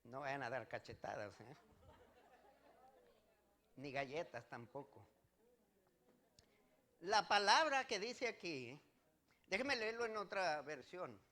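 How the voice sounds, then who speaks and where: A man's voice: on the high side, big pitch swings, slow pace, pauses often, pushed and bright. A male pastor preaching a sermon, rising to emphatic declarations and putting direct questions to the congregation.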